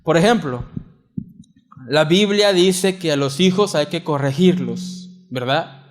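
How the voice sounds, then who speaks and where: A young adult man with a Mexican accent preaching a sermon in a church, earnest, moving from loud emphatic reading to soft quiet asides. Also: a little high, takes it slowly. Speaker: pastor.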